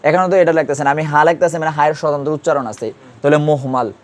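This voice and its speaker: A man's voice: a little high, fairly even intonation, fast. Man quizzing a class on grammar. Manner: quizzing students with repeated questions. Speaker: Urdu grammar teacher. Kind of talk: classroom lesson.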